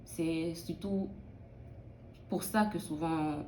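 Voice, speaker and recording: A woman's voice: low-pitched, steady tone, takes it slowly, darkish tone, roomy sound, a little hiss or hum. A young woman from Benin, a student in early childhood education, answering interview questions in a thoughtful, hesitant way with many restarts.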